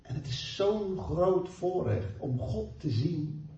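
Male preacher, lively and emphatic, heard from a distance in a dull, echoey church hall. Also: fairly high pitch, gravelly. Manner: emphatic, swings from slow stressed phrases to quick asides. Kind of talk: sermon.

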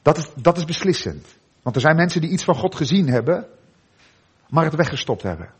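Man, middle-aged, husky voice, lively pitch, earnest sermon, dramatic pauses, church. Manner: earnest preaching with dramatic pauses and softened endings. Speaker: preacher.

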